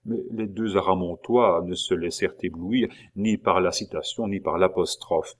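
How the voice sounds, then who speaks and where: A man narrating a classic novel aloud in a measured storytelling manner. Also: low voice. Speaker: audiobook reader. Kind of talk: literary narration.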